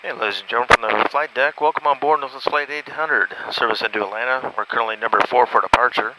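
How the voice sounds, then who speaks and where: A male airline pilot giving a brisk, routine in-flight announcement over the cabin PA from the flight deck. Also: medium pitch, steady tone. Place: airplane cabin. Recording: loud engine noise, PA speaker heard from far off. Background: engine roar.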